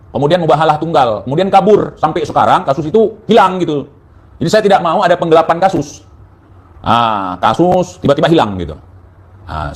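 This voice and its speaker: Guy ranting on his channel, mocking and preachy, voice a bit on the high side. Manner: mocking, declamatory, addresses his target directly. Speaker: online commentator. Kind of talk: political commentary monologue.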